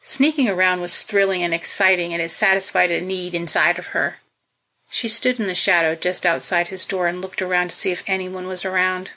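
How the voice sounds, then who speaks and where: Audiobook narrator: woman, lowish voice with a bright, forward edge, steady measured read. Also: low-quality recording.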